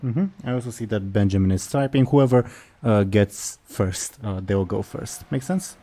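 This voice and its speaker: A man's voice: on the low side, normal speed, warm tone. A man running a tabletop role-playing game as game master, narrating casually and putting questions to the players.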